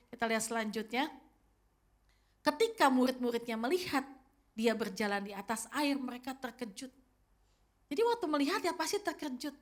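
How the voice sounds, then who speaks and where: A woman's voice: on the high side, a bit bright. A woman in her fifties preaching a sermon as pastor, telling the story directly to her congregation. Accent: Indonesian. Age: 50s.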